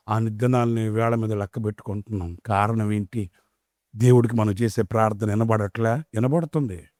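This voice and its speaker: A man's voice: medium pitch, a little mellow, dry recording, clean studio sound. A middle-aged male pastor preaching a sermon, telling a story and firing off rhetorical questions.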